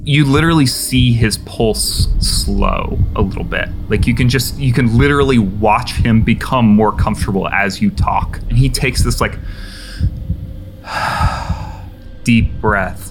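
A man's voice: fairly low pitch, background noise. Casual man narrating a tabletop game. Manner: casual narration full of "like" fillers. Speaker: game master.

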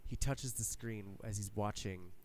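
A young man co-hosting a podcast, talking excitedly and casually, swearing and acting out quotes as he recounts a scene. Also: fairly low pitch, a little slow, a little hiss or hum. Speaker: podcast co-host. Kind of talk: excited casual fan chat.

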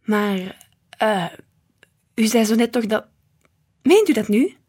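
A woman's voice: on the high side, expressive, takes it slowly, a little mellow, slightly rough, exaggerated voice. A woman voicing a fussy husband customer who gets flustered and indignant.

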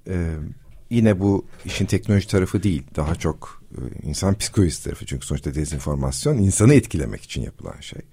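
Low, husky-voiced man explaining calmly. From Turkey. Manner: measured, explanatory, many filler pauses. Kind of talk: casual discussion.

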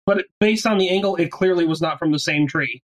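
A woman game master narrating casually, halting and rephrasing as she goes, with a joking streak. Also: fairly low pitch, rough recording.

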